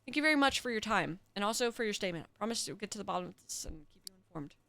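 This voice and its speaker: A woman's voice: medium pitch, lively intonation, racing, fairly bright tone. Woman voicing a polite earnest investigator. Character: polite young investigator questioning a witness.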